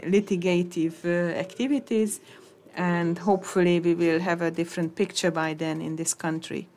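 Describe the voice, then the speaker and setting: Woman interpreting a conference talk, low-ish voice, real slow and halting with lots of uhs. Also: a little mellow. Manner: halting, many hesitations and restarts. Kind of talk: simultaneous interpretation of conference talks.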